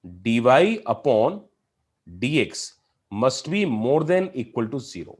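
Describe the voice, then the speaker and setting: A man's voice: mid-range voice, darkish tone. A man teaching a calculus lesson, explaining step by step and asking his students questions as he goes. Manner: mixes in English math terms. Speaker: math teacher. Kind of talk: classroom lecture on calculus.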